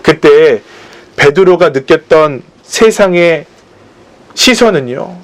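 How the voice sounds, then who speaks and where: During a church sermon, this pastor speaks slowly, his fairly high voice rising and falling with lively intonation. He shares stories from his own life, performing the voices of the people he quotes.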